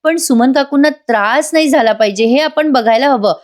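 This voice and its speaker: A careful young husband weighing an idea in a measured, considerate way, read by a woman narrator in her own voice. He is calm and a little cautious. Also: high voice, pitched above the performer's own voice, natural voice. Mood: thoughtful.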